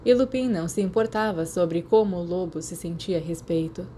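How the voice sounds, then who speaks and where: A woman with a Brazilian accent and a low-leaning, mellow voice reads a story briskly as scripted audiobook narration. She is a podfic narrator, and background noise is clearly audible.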